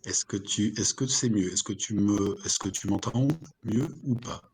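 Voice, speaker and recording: A man's voice: on the low side, normal speed, darkish tone, husky. A man, a novelist being interviewed, speaking hesitantly with many fillers over a voice call, his overloaded microphone clipping and distorting. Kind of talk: casual remote interview. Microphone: computer microphone on a voice call.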